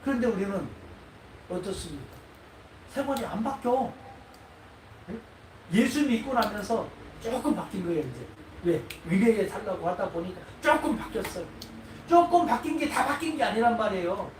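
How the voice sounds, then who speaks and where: A man preaching a sermon to his congregation as pastor, animated and often prodding listeners with quick questions. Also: high-pitched. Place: church sanctuary. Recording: echoey hall, mic far off, faint noise.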